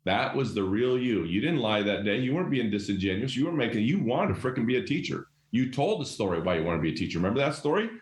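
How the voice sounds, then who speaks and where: A man's voice: medium pitch, big pitch swings, racing, hardly any pauses, echoey room. A middle-aged man, a guest leadership coach, talking emphatically and animatedly in casual conversation, acting out quoted voices. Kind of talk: passionate conversational storytelling.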